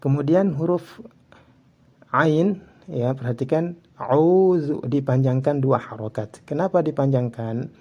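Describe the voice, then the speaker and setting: A man's voice: medium pitch, unhurried, long pauses, a little mellow, dull audio. A man with an Indonesian accent teaching Quran recitation rules, explaining each rule and then reciting examples drawn out. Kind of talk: tajwid lesson with recited examples.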